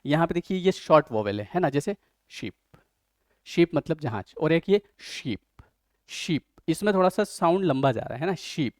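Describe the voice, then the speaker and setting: A man's voice: a little high, darkish tone, no echo, clean studio sound. A man with an Indian accent teaching an online exam-prep lesson. He explains step by step and keeps checking whether his students follow.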